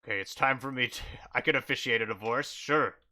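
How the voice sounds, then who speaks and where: A man's voice: mid-range voice, a little fast, sharp tone. A man voicing a smug male bugbear who rules a town, talking in a lazy, hesitant way full of uhs.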